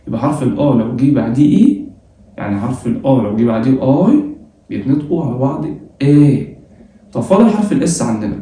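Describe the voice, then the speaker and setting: A man with an Egyptian accent teaching French pronunciation, lively and coaxing, slowly repeating sounds for students. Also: mid-range voice, very echoey, far from the mic, a little hiss or hum. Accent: Egyptian Arabic. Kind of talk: online lesson for secondary school students.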